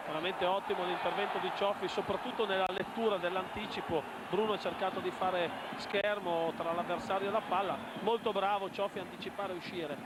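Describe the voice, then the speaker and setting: A man's voice: sits high, steady tone, brisk, few pauses. A man serving as football co-commentator, giving live analysis of the play. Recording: loud outdoor stadium noise.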